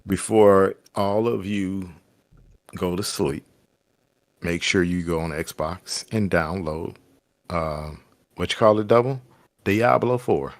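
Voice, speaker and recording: Man, podcast host, casual chat, low voice, dry sound, loose rambling delivery. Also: slow pace, pauses often, no echo. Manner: loose, rambling, corrects himself mid-sentence.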